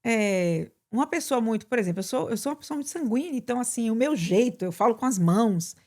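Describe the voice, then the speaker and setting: A woman pastor with a Brazilian Portuguese accent, preaching in conversation with emphatic, animated delivery. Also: on the high side, quick pace. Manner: animated, bursts into emphatic quoted prayers.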